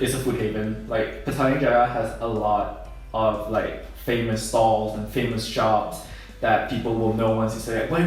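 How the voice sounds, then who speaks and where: A man from Malaysia chatting casually in a group Q&A, relaxed and quick to laugh. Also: mid-range voice. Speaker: co-host of a channel Q&A. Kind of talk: casual chat. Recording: roomy echo from a distant mic with music.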